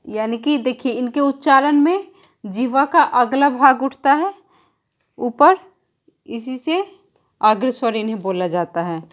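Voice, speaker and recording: Woman teacher, fairly high voice, slow and deliberate; exam-prep grammar lesson, stretches out example sounds. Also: animated. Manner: writes on a board while teaching.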